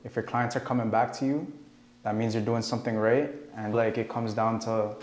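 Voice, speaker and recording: Laid-back young man, flat delivery. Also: lowish voice, brisk. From Canada. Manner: laid-back, relaxed, leans on "like" and "bro". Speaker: guest barber. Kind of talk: casual interview chat. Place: studio set, indoors. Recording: echoey room.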